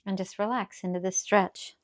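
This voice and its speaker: A woman teaching yoga as a calm guided grounding exercise, gently and encouragingly instructing. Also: medium pitch, moderate pace.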